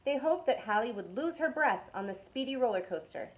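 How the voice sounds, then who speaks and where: A young adult woman from a youth club, reading a picture book aloud to children with expressive delivery that drops to a whisper for suspense. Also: a little high, a little fast, poor audio.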